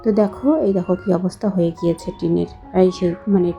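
A young woman's voice-over for a home vlog, slow, soft and hoarse from a cold. Her tone is dark and mellow and stays flat. The sound is a bit dull, with faint instrumental music behind her. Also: fairly low pitch. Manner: talking slowly and softly, chatty, addressing viewers directly. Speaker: vlogger, housewife.

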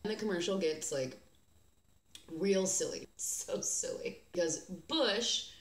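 A woman's voice: mid-range voice, animated, slow pace, echoey room. An American woman hosting a beer vlog, chatting casually and sarcastically, with lots of fillers and restarts. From United States. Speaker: beer vlogger host.

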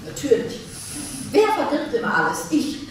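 An actress playing an unflappable, sharp-tongued middle-aged wife in a live comic sketch reading on a theater stage, talking in a dry, mocking and bossy way. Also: female voice, high voice, sing-song, normal speed, a little hiss or hum. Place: theater stage before an audience. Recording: echoey live theater recording from a distance.

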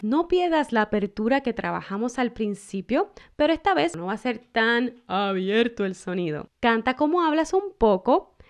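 A woman singing teacher guiding vocal exercises, counting students in and demonstrating the sounds herself. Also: on the high side. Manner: counts in and demonstrates sung and spoken syllables. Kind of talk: guided vocal exercise lesson. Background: piano accompaniment.

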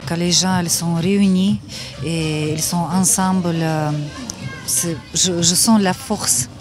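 A woman's voice: on the low side, steady tone, slow pace. A woman in her forties from Ukraine, speaking with a Ukrainian accent, earnestly searching for words in an outdoor interview at dusk. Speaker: volunteer organizer. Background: music.

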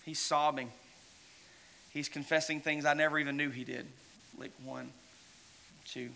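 A man preaches in church in a bright, forceful voice that sits a little high for a man. He talks the congregation through a story in a loose, conversational way, quoting the people in it. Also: level tone, a little slow, gravelly. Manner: conversational, retells stories with quoted dialogue. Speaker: pastor. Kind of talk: sermon storytelling.

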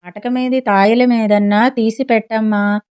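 A woman's voice: fairly high pitch, fairly even intonation, unhurried, a little mellow, clean tone, lightly acted. A woman voicing a tired, hungry little boy who coaxes his mother in a whiny tone, in a slightly muffled recording. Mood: coaxing. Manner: whiny, coaxing.

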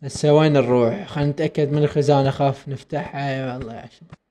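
A young man with an Iraqi Arabic accent giving excitable let's play commentary, constantly addressing his viewers. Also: mid-range voice, rapid-fire, slight background noise. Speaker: gaming YouTuber.

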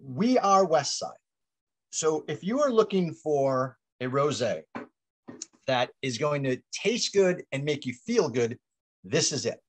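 A man in his fifties hosts a virtual wine tasting over a video call from outdoors by a vineyard, talking energetically and gesturing with his hands as he explains. His fairly high voice is a little slow, picked up by a webcam with no echo.

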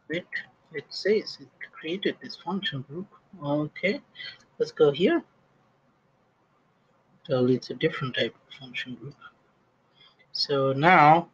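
A man giving a casual screen-recorded software tutorial as an instructor, thinking aloud with frequent restarts and fillers. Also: a little high, slightly rough, highs cut off. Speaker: SAP instructor.

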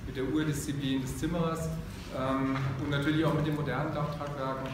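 A man's voice: on the high side, a little fast, background noise. A man professor methodically explaining roof structures and tests, with frequent fillers. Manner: flat, methodical, with many fillers. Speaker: professor of timber construction. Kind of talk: technical lecture explanation. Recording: echoey hall from far off.

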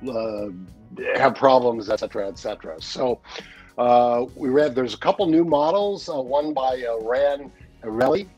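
The newsletter editor, a man in his sixties who appears regularly on the show, joins by webcam from a home study and chats loosely, full of fillers and quick laughter. His mid-range voice moves at normal speed, the sound lo-fi and set over music.

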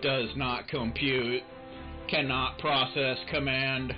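A man doing a slow, stiff robot servant. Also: medium pitch, little pitch movement, lo-fi sound, over music, close to an everyday voice. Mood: mechanical. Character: stiff male robot servant, ancient and obedient. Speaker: let's play gamer reading dialogue aloud.

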